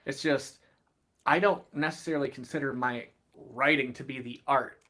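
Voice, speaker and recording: Podcaster guy as a guest, earnest, steady, lays out his point, ordinary middle voice. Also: medium pitch, normal speed. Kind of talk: casual conversational interview.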